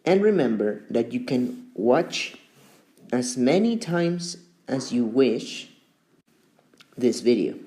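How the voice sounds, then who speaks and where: A man gives a beginner English lesson, speaking slowly and deliberately with long pauses between words. His medium-pitched voice is mellow and very animated.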